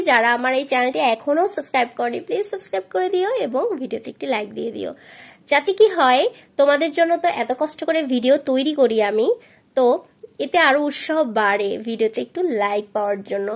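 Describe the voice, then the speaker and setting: A woman with a Bengali accent teaching letter sounds to children, modeling each sound slowly and clearly. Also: high-pitched. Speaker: English teacher on a video channel. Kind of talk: phonics lesson for children.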